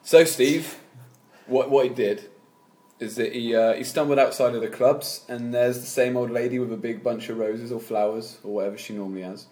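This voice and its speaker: Relaxed male storyteller, mid pitch, echoey room. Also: normal speed. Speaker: podcast co-host. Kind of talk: storytelling in casual chat. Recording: roomy echo.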